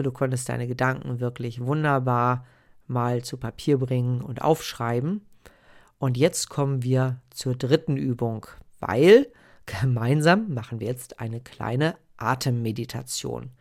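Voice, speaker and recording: Slow-paced man guiding a meditation. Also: medium pitch. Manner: calm, instructive, addressing one listener informally. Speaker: podcast host guiding meditation. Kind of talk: slow guided-meditation narration, like a sleep story.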